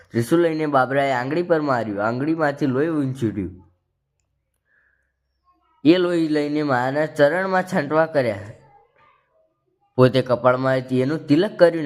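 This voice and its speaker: Man telling a folk legend. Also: medium pitch. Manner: steady, vivid storytelling in short spoken phrases. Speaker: storyteller.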